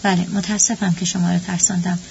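A woman's voice: on the low side, little pitch movement, vocal fry, darkish tone. A woman voicing a frightened woman alone in an office at night, speaking tensely. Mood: shaken. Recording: dull lo-fi with faint hum.

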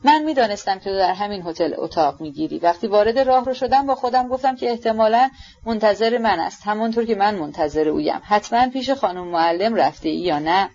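A narrator voicing a brooding, secretive young man who talks slowly in a hushed, half-whispered way. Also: medium pitch, lo-fi sound, close to an everyday voice.

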